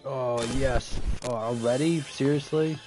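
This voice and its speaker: A man's voice: medium pitch, unhurried, rough recording. A man in casual chat with friends while playing an online game, teasing and crude, with game music behind him.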